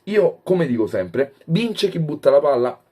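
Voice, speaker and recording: A man giving an excitable fan review of a football match, swearing freely. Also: a little high, a little slow.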